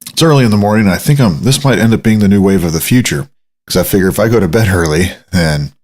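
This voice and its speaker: A man's voice: low voice, darkish tone, slightly rough. A man hosting his solo podcast early in the morning, in a groggy morning voice, rambling and poking fun at himself. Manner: rambling, self-mocking, drawn-out asides. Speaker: podcast host. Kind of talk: casual solo podcast monologue. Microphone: studio microphone.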